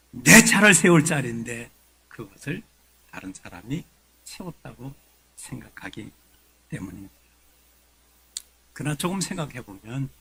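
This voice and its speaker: A man preaching a sermon in a conversational way, rising to forceful emphasis at key points. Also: mid-range voice, poor audio. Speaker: pastor. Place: church sanctuary.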